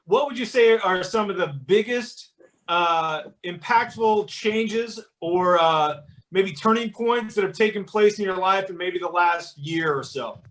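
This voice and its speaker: A man's voice: sits high, measured pace, fairly bright tone. A man hosting a casual interview, speaking in an encouraging, informal way. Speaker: host. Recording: distant from the microphone.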